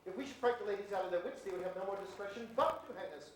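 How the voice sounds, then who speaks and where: An actor playing a boastful, eager male weaver on stage in a Shakespeare performance, talking in a theatrical, booming way. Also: racing, lightly acted. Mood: wheedling. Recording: roomy stage from far off, noisy.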